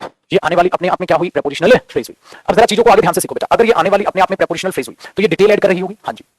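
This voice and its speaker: Male grammar teacher, high husky voice, rapid-fire classroom delivery, fatherly and scolding. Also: no room sound. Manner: scolding, fatherly, keeps calling students "beta".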